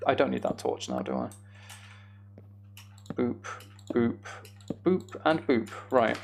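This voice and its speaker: Speaking slowly in a creaky, medium-pitched voice with huge pitch swings, a man streams a video game. His casual commentary is mostly muttered thinking aloud as he works through problems.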